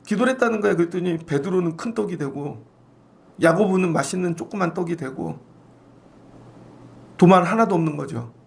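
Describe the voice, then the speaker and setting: A middle-aged male pastor delivers a sermon in a church sanctuary, telling stories and acting out quoted lines with bursts of loud emphasis. His voice sits high for a man, with a gravelly, fry-edged texture. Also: lively intonation, brisk, pauses often.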